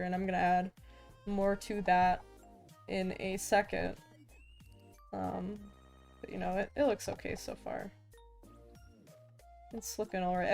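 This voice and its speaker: During a casual drawing live stream, a young woman who is a VTuber art streamer chats with viewers, stumbling and restarting her sentences often. She has a medium-pitched, slightly mellow voice with vocal fry.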